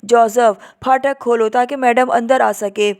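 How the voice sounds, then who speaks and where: Woman playing a smooth young male secretary. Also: a little high, fairly even intonation, a little mellow, lightly acted. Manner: polite, smiling, smooth-talking.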